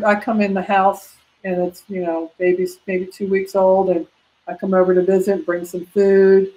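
Speaking through a laptop webcam on a video call, a prenatal massage instructor runs a live online massage class from home, fielding questions chattily and practically with many fillers. She is an older woman from the United States with a lowish, darkish voice, and the audio quality is poor.

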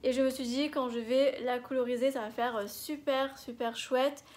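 French woman, high voice, enthusiastic hesitant haul vlogger. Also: steady tone, moderate pace, a little mellow. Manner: gushing, many filler "euh"s, repeats "j'adore". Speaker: scrapbooking vlogger. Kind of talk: casual product haul.

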